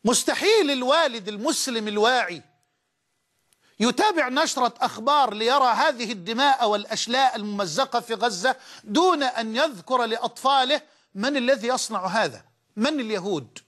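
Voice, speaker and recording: A man's voice: extremely high pitch, expressive, brisk, fairly bright tone. A man with an Egyptian Arabic accent preaching a sermon with passion, asking rhetorical questions and hammering points home by repeating them. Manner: impassioned, with rhetorical questions and emphatic repetition.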